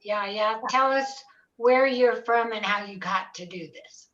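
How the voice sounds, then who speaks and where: A woman's voice: a little high, measured pace, fairly bright tone, lo-fi sound. A woman hosting a chatty, friendly interview. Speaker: host. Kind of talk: casual interview talk.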